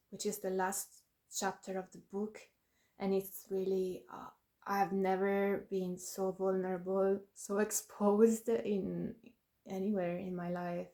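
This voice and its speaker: A woman's voice: mid-range voice, dark tone. A woman author chatting casually to camera about her new book, laughing often and making self-deprecating asides.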